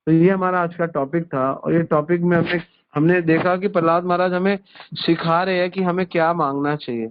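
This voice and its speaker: A man's voice: fairly high pitch, steady tone, normal speed. A man giving a devotional discourse, explaining scripture verses word by word and repeating key phrases. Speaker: spiritual teacher. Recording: tinny conference-call phone line.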